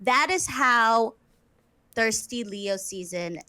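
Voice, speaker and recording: A woman's voice: on the high side, animated, slow, bright, forceful tone, no room sound, rough recording. A young woman from Los Angeles co-hosting a casual podcast over a video call, chatty with many fillers. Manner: chatty, lots of "like" and "um". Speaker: podcast co-host. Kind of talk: casual chat.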